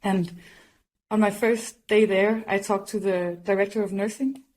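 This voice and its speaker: Friendly woman from Denmark, mid pitch, guest researcher telling a story. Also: steady tone, a little slow, a little mellow, low-quality recording.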